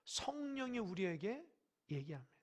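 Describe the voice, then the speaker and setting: A pastor preaching a midweek sermon in a church, emphatic and questioning the congregation directly, swinging from loud exhortation to hushed asides. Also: medium pitch, big pitch swings, moderate pace. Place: church sanctuary.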